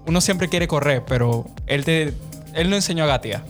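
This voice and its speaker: Teasing Dominican man, lightly high voice. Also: expressive, moderate pace, faint music behind. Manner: teasing, irreverent. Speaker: podcast co-host. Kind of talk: casual slangy banter.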